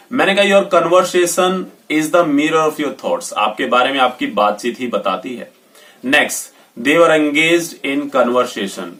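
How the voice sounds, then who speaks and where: A man with an Indian accent gives an English pronunciation lesson, his voice a little raised in pitch. He slows down and stresses each example sentence. He sounds a bit distant from the mic. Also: a bit bright. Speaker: English teacher.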